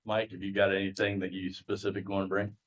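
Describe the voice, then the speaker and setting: A man's voice: low-pitched, monotone, quick pace, lo-fi sound. A man chairing a town council meeting in a town hall, talking in an easygoing, folksy way. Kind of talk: casual meeting chair talk.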